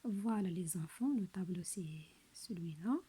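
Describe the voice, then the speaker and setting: A woman teaching young pupils a lesson, speaking slowly and carefully and repeating each word twice. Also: on the low side, warm tone, slightly rough.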